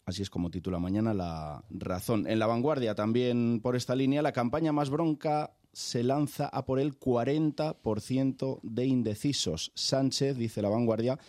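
Dark-voiced man reviewing the press. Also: medium pitch, moderate pace, hardly any pauses, no echo, studio quality. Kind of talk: reading newspaper headlines on air.

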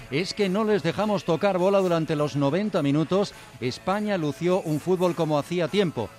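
A male radio sports host with a fairly high voice. He presents emphatically, building points through repetition, with faint music behind him. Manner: emphatic, repeating phrases for effect. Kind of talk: animated sports talk presenting.

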